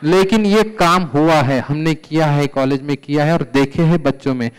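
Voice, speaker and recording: A middle-aged man giving an animated conference lecture, telling patient stories and quoting Sanskrit verses. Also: a little high, moderate pace, smooth, poor audio. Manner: animated, mixes English terms and Sanskrit verses. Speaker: Ayurveda lecturer. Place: conference hall.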